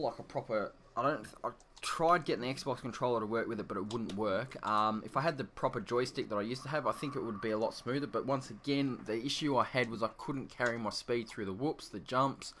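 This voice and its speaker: A man's voice: medium pitch, fairly bright tone, a little hiss or hum. Australian man in an echoey empty room. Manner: rambling, laid-back, self-correcting. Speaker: gaming video creator. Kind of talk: casual gameplay commentary.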